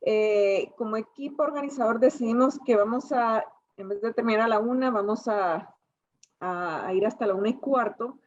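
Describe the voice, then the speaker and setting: A woman moderating an online session over a video call, relaxed with fillers. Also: mid-range voice. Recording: slightly dull video-call audio.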